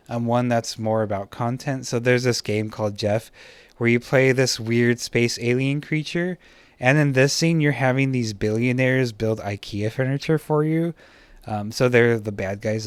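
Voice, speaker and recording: A man talks through a slideshow lesson on art composition in a relaxed, unscripted way, full of fillers and little self-deprecating asides. His voice sits at an ordinary middle pitch. The sound is dry and close, with no room echo. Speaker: teacher.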